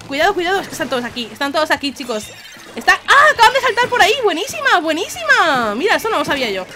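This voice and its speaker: A young woman from Spain with a Spanish accent, excitably commentating her own online match, laughing often and shouting warnings to her team. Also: extremely high pitch, racing, soft background music. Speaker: gaming YouTuber. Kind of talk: live gameplay commentary.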